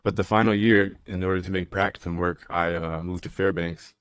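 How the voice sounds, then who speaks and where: A man's voice: low-pitched, steady tone, brisk, fairly bright tone, dry recording. A young man hosting a casual podcast, easygoing and rambling, reading listener comments aloud. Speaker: podcast host, professor.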